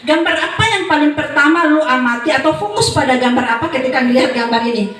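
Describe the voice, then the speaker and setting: A woman's voice: high voice, fast talker, a bit bright, slight background noise. A woman in her forties, a psychology lecturer giving a chatty, joking seminar talk and quizzing her audience. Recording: very echoey hall, voice far from mic.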